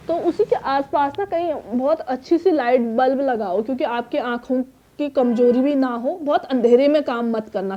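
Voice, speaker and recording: A woman's voice: sits high, lo-fi sound. A woman in her thirties from Uttarakhand who runs a boutique, answering viewer questions in a chatty, advising way from her small shop. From Uttarakhand, India. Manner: chatty and advising, reads comments aloud, pauses to cough and clear throat. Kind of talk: casual Q&A talk to camera. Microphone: phone on a tripod.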